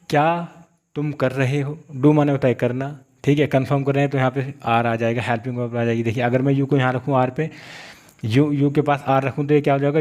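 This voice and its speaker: A man's voice: medium pitch, a little mellow. A man teaching English grammar, repeating and restarting phrases as he explains step by step. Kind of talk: classroom-style grammar lesson.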